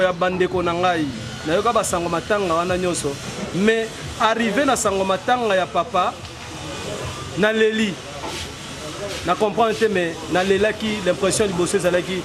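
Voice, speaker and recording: A man in his forties, giving an earnest street interview and building to emphatic, rhetorical declarations. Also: sits high. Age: 40s. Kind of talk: street interview, mixing French and Lingala. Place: outdoors on a city street. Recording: noisy street with passing traffic.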